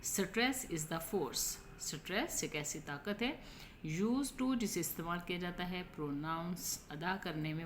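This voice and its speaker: Female teacher, Pakistani accent, unhurried and low-voiced, faint hum behind. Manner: slowly reads English lines, then explains in Urdu. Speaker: English teacher. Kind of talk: explaining a textbook lesson.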